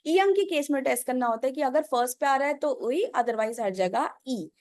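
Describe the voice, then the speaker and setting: A woman's voice: high voice, expressive, normal speed, darkish tone, dry recording, studio quality. A woman with an Indian accent teaching Korean pronunciation, asking and answering her own questions step by step. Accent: Indian English. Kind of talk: whiteboard lesson explanation.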